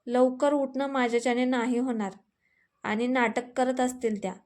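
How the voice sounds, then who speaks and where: A woman voicing a spoiled sharp-tongued young wife. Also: sits high, fairly even intonation, moderate pace, lightly acted. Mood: sulky. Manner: snappy, complaining. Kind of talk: storybook reading.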